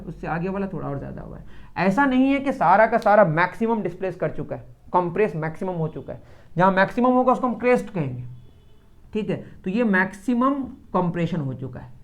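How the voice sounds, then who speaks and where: A man with an Indian accent teaching a physics lesson, who asks his students questions and then answers them himself. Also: high-pitched. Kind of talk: classroom lecture.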